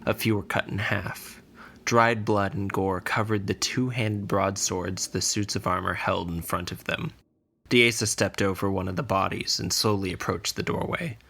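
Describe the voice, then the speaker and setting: A podcast narrator, male, tells a scripted fantasy adventure in measured, deliberate sentences. His low voice has a creaky, gravelly grain, and his tone is steady and sharp.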